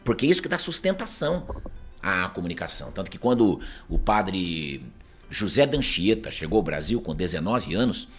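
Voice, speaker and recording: A Brazilian man from Paraná speaks as an interview guest, with a husky, somewhat low voice. He talks quickly and swings widely in pitch. He argues emphatically and keeps tossing in rhetorical questions. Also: fairly bright tone. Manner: emphatic, argumentative, keeps asking rhetorical "isn't it true?". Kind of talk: opinionated conversational commentary.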